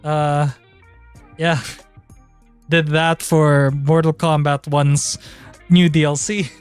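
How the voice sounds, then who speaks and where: A man's voice: on the high side, flat delivery, takes it slowly, smooth. A man chatting casually on a livestream in an informal, sweary, rambling way. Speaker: streamer. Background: background music.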